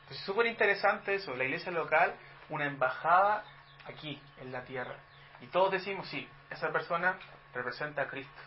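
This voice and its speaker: Chilean preacher guy, fairly high voice, talks to the church like a chat, muffled lo-fi recording. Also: animated, brisk, a little hiss or hum. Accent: Chilean Spanish. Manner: conversational teaching, rhetorical questions to the congregation. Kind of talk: sermon. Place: church hall.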